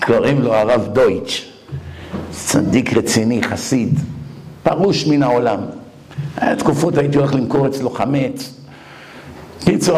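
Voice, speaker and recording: A man giving a Torah lecture, telling animated stories with mocking asides and acted-out voices. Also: fairly high pitch, slight background noise. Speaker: rabbi lecturer.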